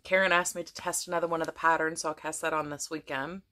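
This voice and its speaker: Quick-paced and steady, her low voice comes across pushed and bright. She's an American crafting vlogger chatting to camera about her crafts, rambling with lots of restarts as her voice starts to go.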